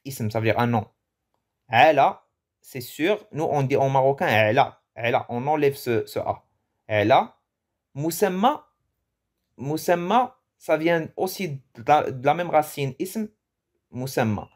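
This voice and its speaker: Guy teaching vocab in french, slow and chatty, jokes and fixes himself a lot. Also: mid-range voice. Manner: joking, self-correcting, many restarts. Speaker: language teacher. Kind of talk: casual vocabulary lesson.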